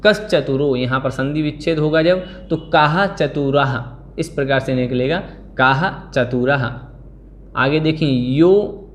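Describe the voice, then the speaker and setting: High-voiced man teaching verses. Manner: slow syllable-by-syllable recitation of verses. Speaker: Sanskrit scripture teacher. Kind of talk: online class lesson.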